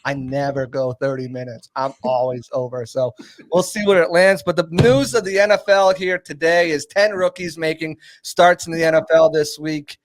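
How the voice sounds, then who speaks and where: Upbeat high-voiced man hosting a podcast. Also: flat delivery, moderate pace, no echo. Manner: upbeat, jokey, hype-man delivery. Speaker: podcast host. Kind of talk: casual sports podcast chat. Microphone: podcast mixer setup.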